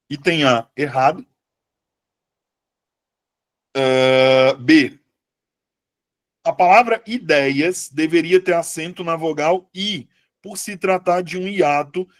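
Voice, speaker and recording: Man, teacher, live online lesson, slow-paced, chatty, dry close mic. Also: on the high side, no echo. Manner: lively, chatty, asks students questions.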